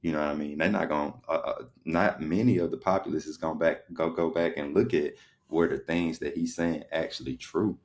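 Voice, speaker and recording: Very deep-voiced man, rambling podcast talk. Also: steady tone, brisk. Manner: loose, rambling, lots of "you know what I'm saying". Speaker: podcast co-host. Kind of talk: casual chat.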